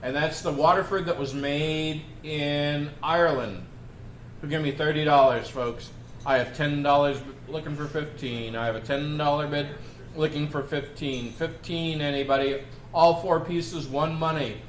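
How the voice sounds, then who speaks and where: A man's voice: a little high, steady tone, normal speed. A man working as an auctioneer, calling out bids in repeated phrases with folksy banter in between. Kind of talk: auctioneer calling bids, repetitive chanting of prices. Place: indoor auction room. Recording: echoey room with faint background noise.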